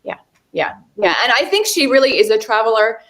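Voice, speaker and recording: Chatty middle-aged finnish-born lady, slightly high voice, laughs a lot telling stories. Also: a little fast. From Finland. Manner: chatty, laughs often, animated storytelling. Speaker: guest, model and actress. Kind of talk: casual interview chat.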